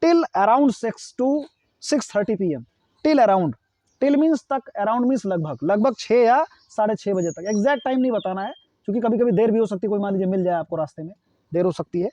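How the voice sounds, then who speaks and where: High-voiced man teaching slowly. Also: lively intonation, mellow, no room sound, lo-fi sound. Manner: explains in Hindi, says English sentences slowly and clearly. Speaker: English teacher. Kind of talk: spoken English lesson.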